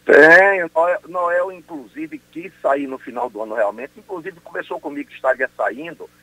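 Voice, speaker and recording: Um homem, promotor de justiça, falando por telefone numa entrevista de rádio matinal, enfático e indignado. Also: male voice, fairly high pitch, moderate pace, sharp tone, no room sound, poor audio. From Brazil. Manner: emphatic, indignant, insistent. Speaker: public prosecutor. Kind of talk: phone interview on morning radio.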